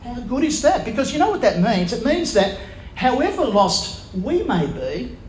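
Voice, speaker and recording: High-voiced preacher in an echoey room. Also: male voice, big pitch swings, a little hiss or hum. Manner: asks the congregation questions, emphatic pauses. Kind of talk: sermon. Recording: echoey room with faint ambience.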